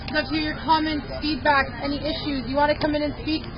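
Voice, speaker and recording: Woman, upbeat co-host, casual talk, outdoor protest camp, loud crowd around. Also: high voice, little pitch movement, fast. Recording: muffled outdoor sound with crowd noise.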